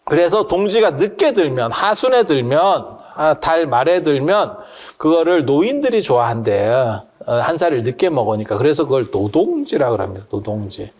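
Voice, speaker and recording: A Buddhist monk lecturer gives a casual dharma talk in a temple hall full of listeners, explaining customs while joking and quizzing the audience. His voice is on the high side with a darkish tone, very animated, at a moderate pace.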